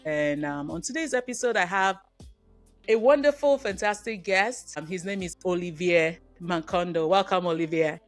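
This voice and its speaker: A woman's voice: fairly low pitch, normal speed, soft background music. Enthusiastic woman hosting a podcast. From Africa. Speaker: podcast host. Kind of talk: podcast interview.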